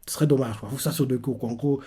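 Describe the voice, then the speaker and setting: A man's voice: mid-range voice, steady tone, very fast, dark tone, breathy edge. A man casually retelling manga chapters and reacting to them, talking in loose rambles full of fillers.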